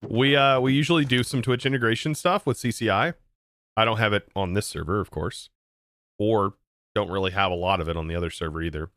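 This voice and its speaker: A man's voice: lowish voice, fairly quick, fairly bright tone, no room sound, clean studio sound. An American man streaming a game, chatting casually and answering his chat in disbelief. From United States. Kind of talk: casual livestream chat while gaming.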